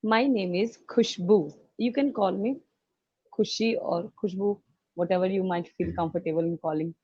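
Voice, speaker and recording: A woman's voice: mid-range voice, normal speed, slightly rough, dry recording. A woman from India, chatting hesitantly and politely on an English practice call. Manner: hesitant, polite, asks for repeats. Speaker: English learner on video calls. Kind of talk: casual conversation practice. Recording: dull lo-fi online call audio.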